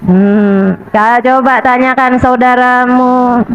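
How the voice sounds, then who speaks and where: High-voiced woman preacher, chatty sermon. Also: takes it slowly, highs cut off, slight background noise. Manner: chatty and animated, repeats rhetorical questions, acts out quotes. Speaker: Islamic preacher. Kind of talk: colloquial sermon to a women's audience.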